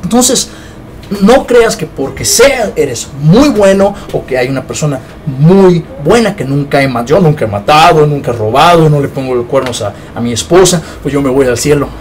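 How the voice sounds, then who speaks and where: A man's voice: fairly high pitch, expressive, moderate pace, a little hiss or hum. A man giving an informal Bible teaching, talking conversationally and often checking in with his listeners. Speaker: preacher.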